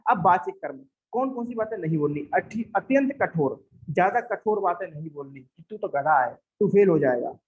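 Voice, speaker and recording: A young man lectures like a teacher in a fairly high, husky voice, walking through a text and grounding each point in everyday examples. His speech comes through a dull, muffled recording. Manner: explains with everyday examples and acted quotes, frequent "theek hai".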